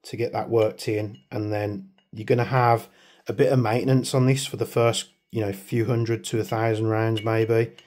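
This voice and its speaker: The speaker is a British airsoft video maker whose fairly low, darkish voice comes out flat at a normal speed. Chatty and self-deprecating, he rambles through a hands-on product review, joking about his own tendency to waffle.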